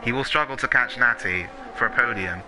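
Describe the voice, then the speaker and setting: A man's voice: medium pitch, a little fast. A man working as a motorsport commentator, calling a sim race live, play-by-play. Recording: clearly noisy, engine sound behind the voice. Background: racing car engines from the game.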